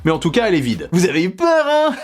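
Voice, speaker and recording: A man's voice: high voice, wildly swooping pitch, fast. A man hosting a tech unboxing vlog, talking in a playful way with jokey asides. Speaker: tech YouTuber.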